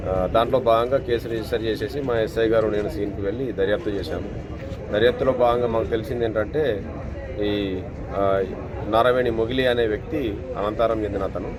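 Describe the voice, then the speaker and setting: A police officer, a man, giving a plain, halting official account of a case to reporters outside a hospital. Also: lowish voice, steady tone, crowd noise. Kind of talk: on-the-spot statement to reporters. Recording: noisy outdoor street recording.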